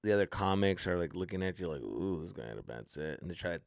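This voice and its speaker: Speaking fast in a low, gravelly voice, a Mexican-American podcast host and comedian tells stories on his own, full of slang, swearing, Spanish phrases, and lively impersonations of how people reacted. The audio is clean studio sound without echo.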